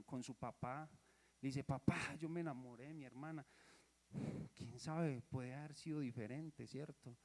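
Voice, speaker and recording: A Colombian man preaching a sermon, telling a Bible story in a lively way and dropping into soft asides. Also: on the high side. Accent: Colombian Spanish. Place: church. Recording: church hall reverb. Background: long hall echo.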